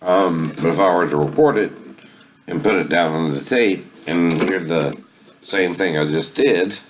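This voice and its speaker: A little background noise accompanies a man with a low, unhurried voice as he demonstrates a tape deck on amateur video. "Right?" shows up at the end of many phrases in his relaxed how-to talk, which also includes sung impersonations.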